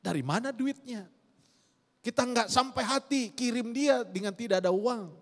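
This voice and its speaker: A middle-aged pastor, preaching an animated sermon and often calling out to the congregation. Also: male voice, very high-pitched, normal speed. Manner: animated preaching, rhetorical questions, frequent "saudara". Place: church hall. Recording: church hall reverb.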